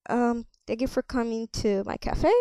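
A woman role-playing a cafe server in a game, chatting with customers and thinking out loud with lots of ums. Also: on the high side, fairly even intonation, moderate pace, a little hiss or hum. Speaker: player running a cafe. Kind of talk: casual game role-play.

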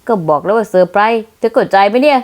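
A woman's voice: mid-range voice, animated, very fast, darkish tone, lightly acted. A woman voicing a cocky young male company boss who teases with a smug manner, in a manga dub. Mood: smug teasing. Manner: smug, teasing.

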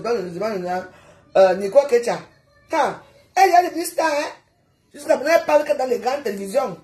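A woman's voice: fairly high pitch, darkish tone, reverberant. Scolding woman ranting on a live stream. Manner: scolding, rapid rhetorical questions. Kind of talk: heated live-stream rant.

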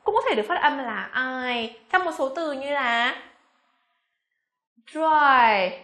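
A woman with a Vietnamese accent teaching pronunciation patiently, repeating example words slowly and asking her students questions. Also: high voice, animated, pushed and bright, reverberant. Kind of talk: classroom-style pronunciation lesson.

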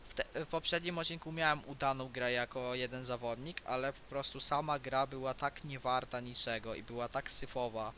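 Brief: teen boy YouTuber, under the weather with a cold, very bright cutting tone, chatty rambling gamer talk. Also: mid-range voice, steady tone, moderate pace, few pauses, slight background noise. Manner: rambling, restarts sentences often. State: has a cold. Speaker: gaming YouTuber. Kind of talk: casual let's-play commentary. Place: home, indoors.

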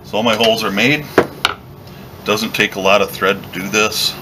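A man giving a relaxed, step-by-step leatherworking tutorial while he works at a workshop bench, recorded by a camera above the bench. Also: fairly low pitch, moderate pace, background noise. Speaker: leatherworking instructor. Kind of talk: hands-on craft tutorial.

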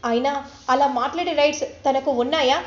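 A woman voicing an angry, stern middle-aged father who scolds loudly, in an echoey room. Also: sits high, steady tone, a little fast, lightly acted. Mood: angry scolding. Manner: loud scolding, raised voice. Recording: roomy, slightly dull recording.

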